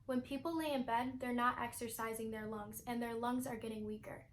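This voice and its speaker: Young female news narrator, fairly high voice, faint ambient noise behind. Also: steady tone, fairly quick.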